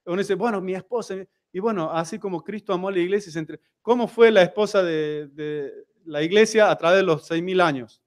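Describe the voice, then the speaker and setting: A man's voice: high voice, fairly quick, hardly any pauses. A man with a Rioplatense Spanish accent giving a conversational sermon in a church, putting frequent rhetorical questions to the congregation. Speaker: seminar speaker at a church.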